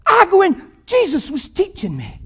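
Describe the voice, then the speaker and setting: A man in his fifties with a strikingly high voice and a lively, bouncing delivery preaches a sermon. He is a pastor telling stories, laughing often and swinging between near-whispers and shouts. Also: moderate pace, gravelly. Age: 50s. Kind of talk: sermon storytelling.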